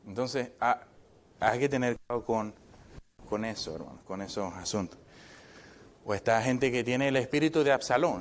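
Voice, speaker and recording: A man, a pastor, preaching a conversational sermon in a church. He keeps checking in with the congregation through short tag questions and slips in joking asides. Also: mid-range voice.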